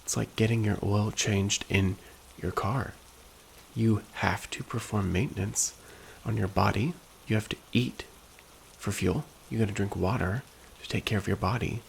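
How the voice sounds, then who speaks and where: A man speaking in a slow, soft, hushed and gentle ASMR pep talk style, at times whispery. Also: steady tone, a little hiss or hum, poor audio. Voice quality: low, very creaky. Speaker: ASMR host.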